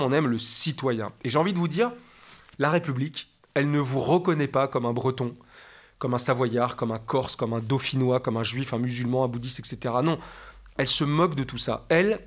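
A man's voice: mid-range voice, brisk. A man speaking as a guest expert in an interview, explaining in a didactic way and stacking up lists of examples.

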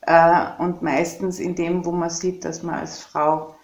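A woman in her fifties with an Austrian German accent, speaking in a measured, reflective way as a guest in a podcast conversation. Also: fairly low pitch, little pitch movement, darkish tone, reverberant, dull audio. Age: 50s. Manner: reflective, measured, thinks aloud.

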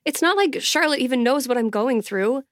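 A woman's voice: high-pitched, lively intonation, normal speed, no room sound, studio quality. A woman playing a lovesick heartbroken young woman. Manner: moping, earnest.

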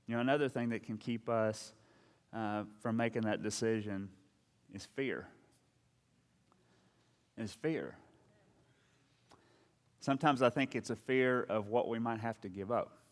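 A man's voice: fairly low pitch, measured pace, pauses often, big-room sound. A man preaching a sermon as a pastor, talking in a conversational, storytelling way with frequent asides and restarts.

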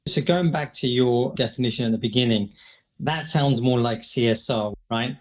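A man's voice: medium pitch, normal speed, muffled recording. A man co-hosting a podcast, chatting conversationally and often checking for agreement. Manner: conversational, seeks agreement with tag questions. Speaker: podcast co-host. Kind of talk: podcast interview.

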